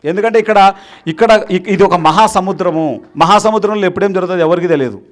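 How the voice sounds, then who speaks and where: A man with a high-pitched voice delivers a rousing motivational speech to a room of students. He exhorts his listeners and keeps urging the crowd to clap. English words slip into his speech as he goes. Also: fast talker. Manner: exhorting, rallies the crowd to applaud. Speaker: meditation teacher addressing students. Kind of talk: motivational speech to a live audience.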